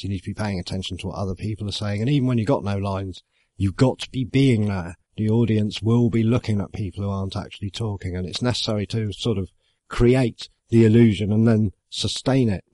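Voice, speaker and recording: A man, musing aloud in a relaxed, rambling way about acting, often stopping to correct himself and adding wry asides. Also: on the low side, no room sound, clean studio sound. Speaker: amateur actor. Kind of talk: casual reflective monologue.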